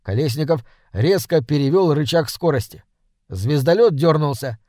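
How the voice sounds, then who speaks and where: A man narrating a children's space adventure story in an even, read-aloud manner. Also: a little high, normal speed, no echo, clean studio sound.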